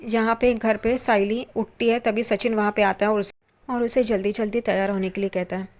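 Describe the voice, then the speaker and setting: A woman narrating a TV serial episode recap in steady, plain storytelling that reads out the characters' lines. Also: medium pitch, fairly quick.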